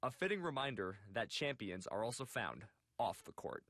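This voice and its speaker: A young man reading a scripted television news report in a measured way. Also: medium pitch, very animated, fairly bright tone, a little hiss or hum. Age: young adult.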